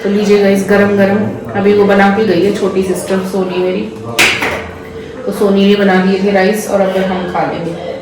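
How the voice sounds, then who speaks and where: A woman's voice: mid-range voice, level tone, normal speed. Woman vlogger, casual chatty delivery; echoey, noisy home recording. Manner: chatty, rambling, addresses viewers as guys. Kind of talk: casual chat to camera. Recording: very echoey room with noise.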